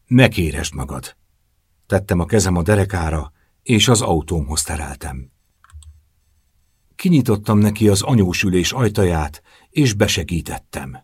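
A man narrating a novel in the first person, as an audiobook, with a measured, intimate storytelling manner. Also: low-pitched, expressive, breathy edge, no echo, studio quality.

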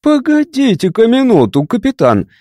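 A man's voice: a little high, big pitch swings, brisk, no room sound, clean studio sound. A man voicing a stern, grim male officer who speaks sharply in an audiobook. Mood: accusing. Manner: sharp, menacing.

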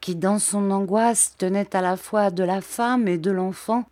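With a mid-range voice, this woman narrates a classic novel as an audiobook reader, keeping her storytelling measured and even.

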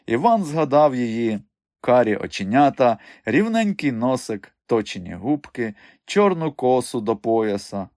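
A man narrating an audiobook in an expressive storytelling manner at a close studio mic. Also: medium pitch, a little slow, dry recording. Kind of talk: scripted narration.

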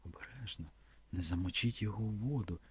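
A man's voice: on the low side, fast talker, breathy edge, dry recording. A man reading a shy, flustered young man. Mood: hoarse. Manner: hesitant, curt replies.

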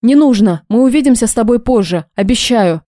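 A woman reading the lines of a calm, gentle middle-aged father in an audiobook. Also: on the high side, moderate pace, no room sound, studio quality, lightly acted. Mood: soothing. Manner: soft, calm, reassuring.

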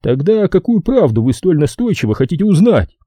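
A man reading an audiobook, voicing a calm, weary, grieving old father. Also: on the high side, brisk, no room sound, studio quality, voice pushed up. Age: older.

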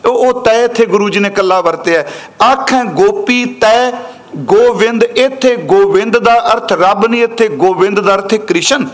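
A man with a high-pitched voice delivers a sermon of scripture commentary. He chants the quoted verses slowly and stretches them out, then moves into quicker explaining speech. He speaks straight to his congregation throughout. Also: fairly bright tone. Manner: addresses listeners directly as an audience. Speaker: Sikh preacher giving scripture commentary. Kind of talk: katha sermon expounding scripture.

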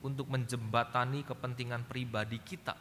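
A man's voice: mid-range voice, flat delivery, moderate pace. A male pastor with an Indonesian accent delivering a sermon, telling a family story and acting out the voices, often addressing the congregation directly. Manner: keeps addressing the congregation as ladies and gentlemen. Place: church hall. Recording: reverberant church hall with faint noise.

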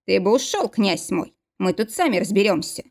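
A composed court mage, voiced by a woman reader, talking calmly and reasonably. His lines stay level and measured, close to the reader's own tone. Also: medium pitch, gravelly.

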